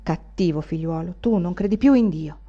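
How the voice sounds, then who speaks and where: Woman reading as a gentle, pious older aunt. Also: lowish voice, moderate pace, lo-fi sound, natural voice. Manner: gentle, naive.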